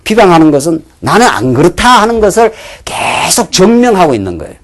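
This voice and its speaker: Male pastor, church sermon, lively up-and-down voice, slightly high, asks and answers his own questions, hushed near-whispers. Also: fairly quick. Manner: asks the congregation questions and answers them himself; drops to a hushed near-whisper for inner thoughts.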